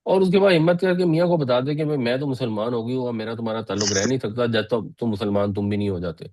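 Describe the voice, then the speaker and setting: A man gives a classroom lesson, explaining each point patiently and repeating words for his students. His mid-pitched voice is mellow and warm. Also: slight background noise. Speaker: Quran teacher.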